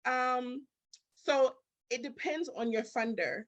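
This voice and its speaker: A woman with a high voice talks slowly over lo-fi audio. She's a business consultant and grant expert appearing as an interview guest, speaking emphatically in a conversational style, throwing out rhetorical questions and acting out snippets of dialogue.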